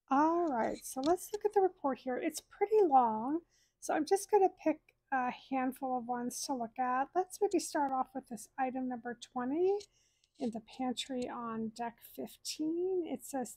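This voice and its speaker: A woman's voice: sits high, darkish tone, dry recording, rough recording. A woman in her thirties hosting a cruise channel, reading scores aloud in a friendly, explanatory way from a room at home. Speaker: cruise vlog host. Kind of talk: casual walkthrough of data.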